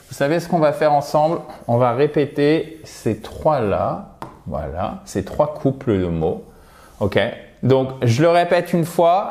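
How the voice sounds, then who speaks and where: A man's voice: on the high side, a little mellow. A French man teaching English pronunciation in a video lesson, with a French accent. He drills words patiently and has learners repeat after him.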